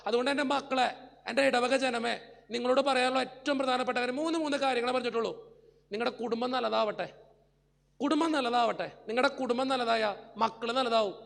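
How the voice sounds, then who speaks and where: A man's voice: very high-pitched, quick pace, gravelly, fairly bright tone, in a large hall. A male priest giving an emotional sermon full of personal stories, speaking earnestly and pleading straight with his congregation.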